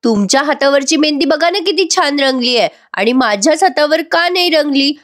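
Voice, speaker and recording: A woman's voice: high voice, expressive, fairly quick, pitched above the performer's own voice. Angry spoiled bride, young, demanding, scolding, voiced by a woman.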